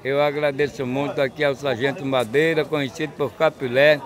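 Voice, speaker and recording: A man's voice: medium pitch, flat delivery, a little fast. A middle-aged man giving an impromptu thank-you address. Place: outdoor street market.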